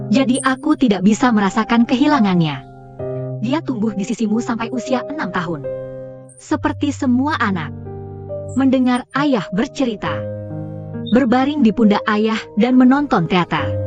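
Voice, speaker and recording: A woman's voice: a little high, dull audio, natural voice. A woman voicing an earnest, wistful young daughter. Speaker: dubbed drama character. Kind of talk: dubbed TV drama acting.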